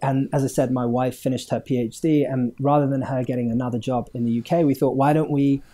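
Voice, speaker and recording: A Hong Kong-born man who owns a game studio talks fast in a mellow, medium-pitched voice with fairly even intonation. As a podcast guest in a casual interview, he rambles, leans on fillers, and chuckles partway through sentences.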